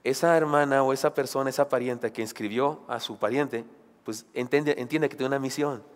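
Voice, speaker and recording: A man's voice: medium pitch, a little fast. A man preaching a sermon, emphatic, with rhetorical questions and joking asides. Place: church sanctuary. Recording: long church hall reverb.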